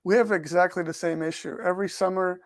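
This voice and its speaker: A Portuguese-raised man who speaks English as a second language answers podcast interview questions as an author and researcher, thinking carefully and repeating words as he goes. His voice is high-pitched and quick, with fairly even intonation. There is no echo on the recording.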